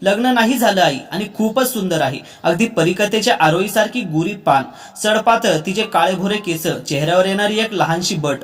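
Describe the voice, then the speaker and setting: A man voicing a smitten cheerful young man, high and light. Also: normal speed, close to an everyday voice.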